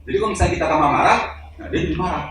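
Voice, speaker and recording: Male seminar speaker, jokey and direct with the crowd, far from the mic in a boomy hall. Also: very fast. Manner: joking, addresses audience directly, acts out examples. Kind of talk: live seminar talk to an audience. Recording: echoey hall, voice from far off, noisy.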